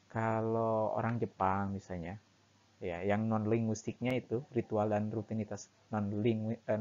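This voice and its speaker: Man lecturing, dull lo-fi recording. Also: mid-range voice. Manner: relaxed, many fillers and "nah", acts out examples. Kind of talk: academic lecture. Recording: dull lo-fi sound.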